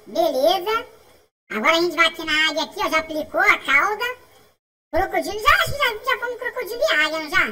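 A Brazilian woman calls out a mobile race game as she plays, in a very high, sharply bright voice. She talks in quick repeated bursts and often breaks into laughs and shouts. Her voice sounds a little distant from the microphone. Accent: Brazilian Portuguese. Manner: excitable, chatty, repeats phrases, frequent laughs and shouts. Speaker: gaming channel host.

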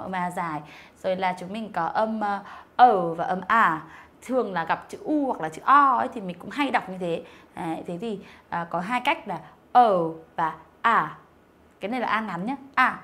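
A woman's voice: mid-range voice, fairly bright tone. Patient woman teacher explaining sounds. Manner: explains patiently, with many fillers and tag questions to pupils; models English sounds slowly and carefully. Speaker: English teacher. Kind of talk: online lesson.

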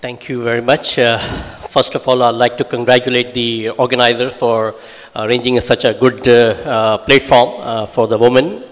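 A man's voice: mid-range voice, flat delivery, moderate pace. A man answering as a panelist on a conference stage, formal and hesitant with frequent fillers, into a handheld mic. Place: large conference hall stage. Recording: reverberant hall.

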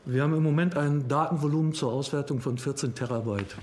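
A man's voice: fairly high pitch, a little mellow, a little hiss or hum. A middle-aged man, a police investigator, giving a formal press conference statement with frequent hesitations. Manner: formal, halting with frequent fillers. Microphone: table microphones.

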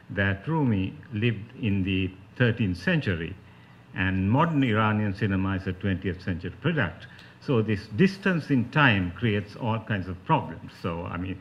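A man with a Sri Lankan accent giving an academic talk as a panelist, in a scholarly, explanatory manner. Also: lowish voice. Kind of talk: spoken academic lecture. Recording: dull, lo-fi talk recording.

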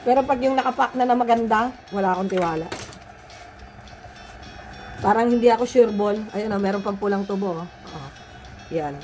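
A woman's voice: medium pitch, normal speed, long pauses, a little mellow, faint music behind. A woman with a Filipino accent, chatting casually to viewers in a home vlog while getting over the flu, her voice a little changed by it. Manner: chatty, addresses viewers as guys. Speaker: vlogger. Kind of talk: casual cooking and gardening vlog.

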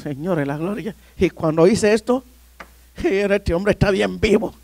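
High-pitched gravelly preacher telling a story. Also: male voice, moderate pace, no echo. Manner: animated storyteller, often addressing "hermano". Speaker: pastor. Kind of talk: sermon storytelling.

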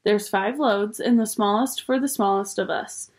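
A woman's voice: medium pitch, moderate pace, natural voice. A woman voicing a fussy, motherly female beaver in a storybook reading, homely and bustling.

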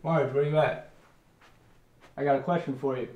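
An actor playing a laid-back young party-bro roommate who talks in loose slang. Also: male voice, medium pitch, steady tone, moderate pace, a little mellow, lo-fi sound, close to an everyday voice. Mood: slangy, eager. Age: young adult. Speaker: roommate Tyler. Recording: roomy echo.

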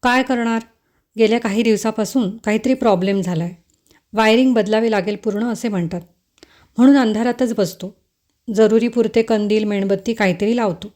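A woman voicing a soft-spoken mysterious young man. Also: fairly high pitch, moderate pace, natural voice. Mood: easygoing.

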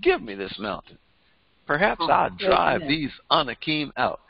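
In a small indoor studio in front of a printed backdrop, an older man who is a pastor teaches a Bible lesson through a headset microphone. His slightly high, slightly rough voice has vocal fry and a sing-song, fervent, repetitive cadence at a moderate pace. The audio is dry and somewhat dull.

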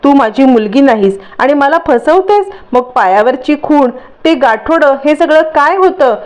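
A woman's voice: high voice, lively intonation, unhurried, darkish tone, pitched above the performer's own voice. Woman reading an angry, betrayed old father. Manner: indignant, scolding. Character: angry wealthy older father, deceived and furious.

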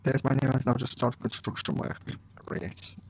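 A man's voice: medium pitch, normal speed, vocal fry, slightly rough, low-quality recording. A man hosting a let's play, chatting casually to viewers and reading his dialogue choices aloud. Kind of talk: casual gameplay commentary.

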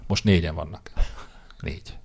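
A man's voice: low voice, steady tone, a little mellow, slightly rough. A man co-hosting a casual podcast, opinionated and teasing as he makes predictions and mocks public figures. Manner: opinionated, teasing, quick to mock. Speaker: podcast co-host. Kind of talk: casual political chat.

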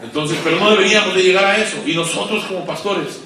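A man preaching a sermon to pastors, swinging between loud emphatic peaks and low quiet asides and asking the audience questions. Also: quick pace, slight background noise. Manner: asks the audience questions and waits for replies. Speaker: guest pastor. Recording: echoey hall, voice far from mic.

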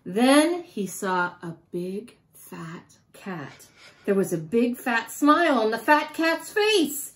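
A woman reading a picture book aloud to a child in an animated, sing-song way, stopping to ask questions. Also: on the high side, slow. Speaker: storyteller for children.

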